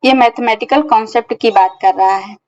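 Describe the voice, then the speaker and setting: A woman teaching English grammar in a recorded lesson, patiently explaining and checking understanding, reading example sentences slowly. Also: on the high side, a little mellow, dull audio. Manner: patient, repeats points and checks understanding with tag questions.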